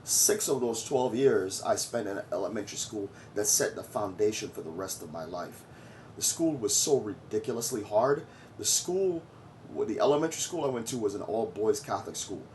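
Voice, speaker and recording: Man, forties, from Trinidad and Tobago, lowish voice, blunt, boastful, lecturing vlog commentary, faint noise behind. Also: animated, moderate pace, darkish tone. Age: 40s. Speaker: vlogger. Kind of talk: opinionated commentary.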